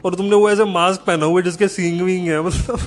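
High-voiced man in a sarcastic comedic rant. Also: quick pace. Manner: sarcastic, animated, profane.

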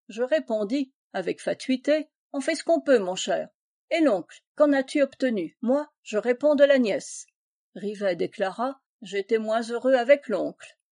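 Mellow woman reading a classic tale. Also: medium pitch, dry recording, studio quality. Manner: measured, expressive storytelling. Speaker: audiobook reader.

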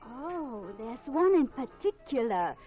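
High-voiced, coaxing fortune teller. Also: female voice, sing-song, slow, heavily acted. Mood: teasing, suggestive. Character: flirtatious exotic fortune teller at a waterfront bar. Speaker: actress in a radio detective drama. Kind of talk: 1950s radio drama acting. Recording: muffled old radio recording with music.

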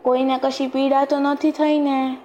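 A woman voicing a scheming middle-aged Brahmin man in a storybook tale, speaking slowly and coaxingly. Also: high-pitched, little pitch movement, darkish tone, slight background noise, poor audio. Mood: mock-caring.

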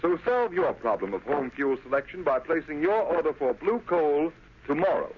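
American male 1930s radio ad announcer, husky, lively intonation, formal and emphatic, muffled old recording. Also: fairly high pitch, moderate pace. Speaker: radio announcer reading a sponsor's ad. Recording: dull vintage radio recording.

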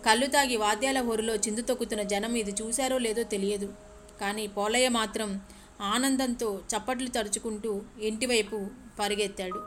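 A woman narrating a folk tale in a vivid, expressive storytelling manner. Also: on the high side, normal speed, slight background noise.

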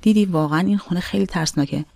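A woman's voice: on the low side, creaky, darkish tone, slight background noise. A woman voicing a frightened mother who pleads anxiously in a horror story. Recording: dry close voice with faint music.

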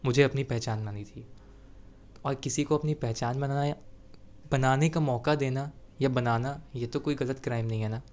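A man voicing an emotional young woman who pleads slowly and softly with her former partner, in a told story. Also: mid-range voice, fairly even intonation, close to an everyday voice. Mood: pleading. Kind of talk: storytelling role-play.

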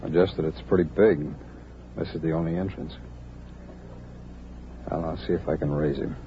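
An actor playing a calm, terse FBI agent in a 1940s radio drama. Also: male voice, rumbling low, moderate pace. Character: male FBI agent on a manhunt. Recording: lo-fi old radio, noisy.

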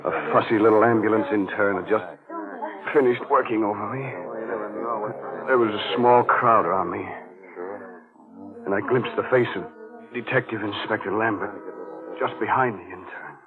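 An earnest, tough lawman played by a man with a lowish voice, acted in 1940s radio drama style. The sound is a tinny old broadcast. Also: normal speed, long pauses, crowd noise, natural voice. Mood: weary recounting. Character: earnest, tough male district attorney.

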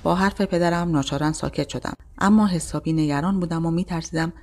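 A woman narrating a scripted first-person horror story in a tense, steady way. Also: deep voice.

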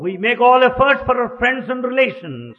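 Slow interpreter with a high voice. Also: male voice, sing-song. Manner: slow, measured phrasing. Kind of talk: translating a sermon line by line. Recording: dull archive recording in a large hall.

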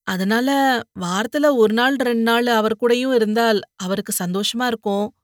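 A woman voicing a calm young man. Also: a little high, normal speed, no echo, clean studio sound, lightly acted. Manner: quiet, plain-spoken, mixes in English words.

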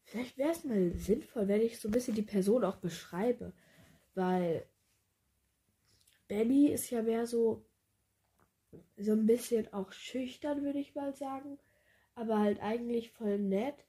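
A woman's voice: fairly high pitch, measured pace, pauses often, mellow. A woman chatting casually about a book and reading a passage aloud, hesitant and thinking aloud as she goes. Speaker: book vlogger.

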